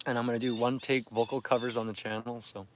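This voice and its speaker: He speaks fast at a medium pitch with little pitch movement, over slight background noise. A tired Canadian fishing livestreamer in his thirties, he chats quietly and laughs often with viewers by a lake near a campsite at dawn, broadcasting from his phone.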